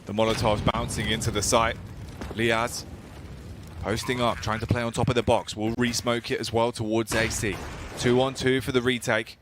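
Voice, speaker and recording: A man's voice: medium pitch, little pitch movement, normal speed, noisy background. A man working as an esports caster, giving live play-by-play commentary that builds dramatically at key plays.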